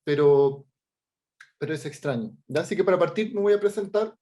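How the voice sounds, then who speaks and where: With a slightly high voice and a dark tone, a middle-aged Chilean artist and teacher gives an informal workshop talk over video call about his work. He is halting and full of fillers and restarts, checking in frequently with "¿ya?".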